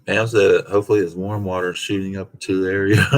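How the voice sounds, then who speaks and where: A man's voice: deep voice, fairly even intonation, a little fast. Laid-back man hosting a live stream. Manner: laid-back, reads viewer comments aloud and chuckles. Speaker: host of a car channel live stream. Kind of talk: casual live stream chat reading comments.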